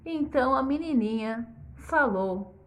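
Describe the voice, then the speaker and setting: A woman educational psychologist narrating a children's story expressively and ending with a moral lesson. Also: high-pitched. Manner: slow, expressive, teacherly.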